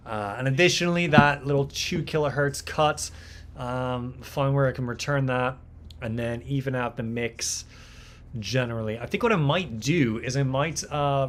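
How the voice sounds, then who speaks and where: Here a young male livestream host, a mixing engineer, chats casually while running a live mixing stream. His voice sits at medium pitch with a fairly bright tone, and his talk rambles, full of fillers and repeated words.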